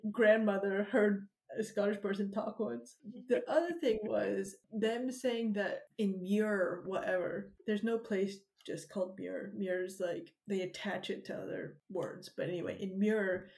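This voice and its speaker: A woman's voice: mid-range voice, moderate pace, vocal fry, few pauses. A woman guest on a podcast, chatting casually and telling stories with frequent laughs. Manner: chatty, animated storyteller who laughs often.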